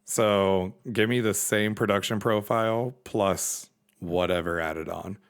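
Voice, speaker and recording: Energetic man co-hosting a podcast. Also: on the low side, a little slow, clear, resonant tone. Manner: energetic, laughs often. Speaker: podcast co-host. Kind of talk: casual chat.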